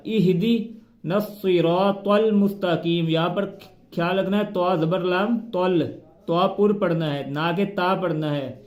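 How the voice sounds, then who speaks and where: A man with an Urdu accent teaching Quran recitation step by step, spelling out letters and vowel marks and then chanting verses slowly. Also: sits high, reverberant.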